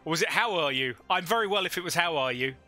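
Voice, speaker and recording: A man's voice: a little high, animated, fast talker, bright, forceful tone, soft background music. A man livestreaming a strategy game into a headset mic, thinking aloud and chatting with viewers. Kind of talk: casual live gameplay commentary.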